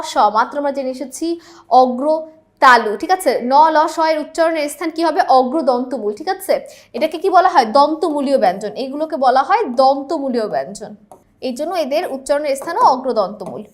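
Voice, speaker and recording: Woman teacher, high-pitched, explanatory, slows on key terms, exam-prep lesson. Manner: explanatory, often checks in with the students. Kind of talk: exam-prep lesson, solving multiple-choice questions.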